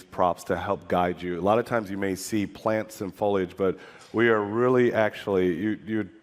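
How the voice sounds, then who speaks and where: A man with a lowish voice answers questions on a panel, speaking loosely and filling pauses. His voice rings out into a large hall with a long reverb. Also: a little mellow. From Michigan. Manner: loose, filler-heavy explaining. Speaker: level designer on a convention panel.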